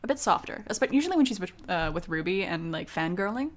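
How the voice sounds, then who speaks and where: A woman's voice: lowish voice, expressive, quick pace. A woman co-hosting a casual anime discussion podcast, giggly and playfully teasing. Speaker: podcast co-host.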